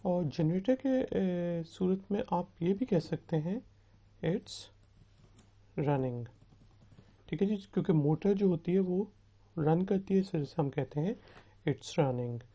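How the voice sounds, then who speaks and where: A man teaching a recorded beginners' language lesson. He patiently drills phrases slowly and asks learners to repeat after him. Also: high voice, mellow. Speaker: spoken English teacher. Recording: dull, lo-fi recording.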